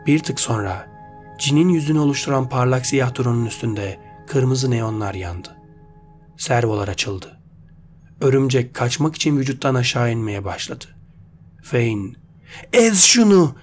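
A man reading out a sci-fi short story as its narrator, in a steady, measured voice. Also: mid-range voice. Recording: faint background music.

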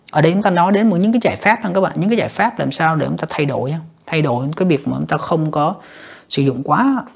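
An English teacher with a mid-range, slightly rough voice and vocal fry reviews exam questions. He reads each English option aloud, translates it, and judges it for the students, often addressing them as "các bạn".

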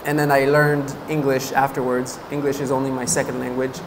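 This is a Buddhist monk from French-speaking Canada, in his thirties and a native French speaker, chatting through a dharma talk at a meditation course and often laughing between fillers. His medium-pitched voice moves little in pitch and runs a little fast, with background noise present. He gestures while seated before a banner in a meditation hall, a stand mic placed in front of him.

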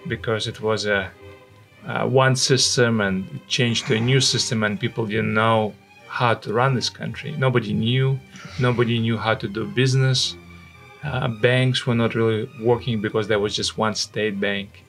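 A man in his forties speaks English with a Russian accent. His voice sits a little low and has a strong vocal fry. He recounts memories conversationally into a close studio mic. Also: fairly even intonation, normal speed, a bit bright, faint music behind. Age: 40s. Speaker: interview guest, missionary. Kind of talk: conversational personal recollection. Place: indoor studio. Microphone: microphone on a stand, close.

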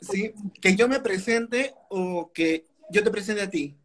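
Man, interview guest, fast and playful, radio announcer flair, video call. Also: high voice. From Peru. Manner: quick, playful, slips into a bright announcer voice. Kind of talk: casual interview chat.

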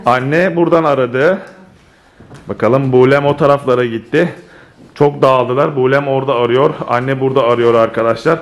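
A man making a casual family vlog at home, excitable and playful, constantly turning to talk to his viewers. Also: mid-range voice, moderate pace, dull audio. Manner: excitable, keeps addressing viewers as friends. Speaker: family vlogger.

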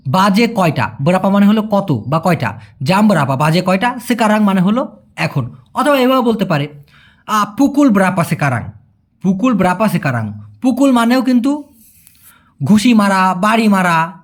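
Guy teaching a language lesson, bouncy voice, keeps asking if it's clear. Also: high-pitched. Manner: explains step by step, often quizzes the viewer and asks "clear?".

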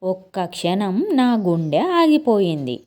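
Slow, mellow-voiced woman storyteller. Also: medium pitch, sing-song. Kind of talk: first-person story narration.

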